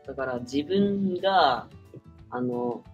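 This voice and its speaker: A young man, a student guest, giving short, halting answers in a casual chat. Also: on the high side, expressive, slightly rough, highs cut off, faint music behind.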